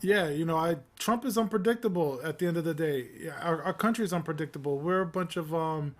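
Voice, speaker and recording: Rambling man, slightly high voice. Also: a little fast. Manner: rambling, many fillers and restarts, relaxed. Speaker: podcast co-host. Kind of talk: casual political discussion.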